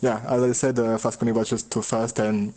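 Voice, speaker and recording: Flat-toned man. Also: medium pitch. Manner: halting, searches for words, chuckles often. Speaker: racing driver being interviewed. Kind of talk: casual post-race interview.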